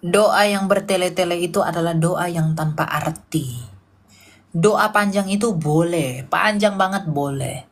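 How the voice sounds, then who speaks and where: Woman, preacher, husky breathy voice, emphatic, rhetorical questions, informal sermon. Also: fairly low pitch, unhurried.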